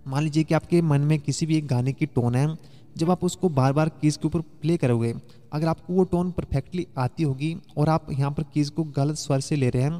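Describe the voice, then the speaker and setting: A man's voice: a little high, mellow. Man teaching keyboard in a reverberant hall. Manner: chatty, explains step by step, hums song lines while playing. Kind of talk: casual spoken music lesson. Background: faint keyboard music.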